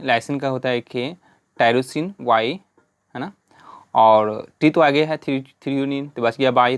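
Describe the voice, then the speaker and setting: A male teacher speaks at a middle pitch, and his voice is close and dry. He is patient and goes through the points one by one, repeating checks like "right?" and "okay?" after each point. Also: no room sound. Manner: patient, repeats "है ना" and "ठीक है" often; spells out letters and drills lists step by step. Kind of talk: whiteboard lesson.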